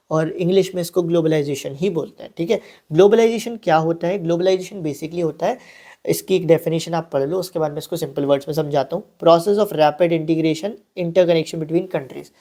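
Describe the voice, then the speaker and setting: A man's voice: on the high side, mellow. A young man teaching an online exam-prep class in a casual, chatty way, often mixing in English terms and stopping for friendly asides.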